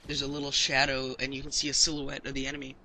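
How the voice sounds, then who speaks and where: Man, gameplay commentator, hesitant explaining, voice-over, loud game gunfire underneath. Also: mid-range voice, monotone, fast, background noise. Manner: hesitant, filler-heavy explaining.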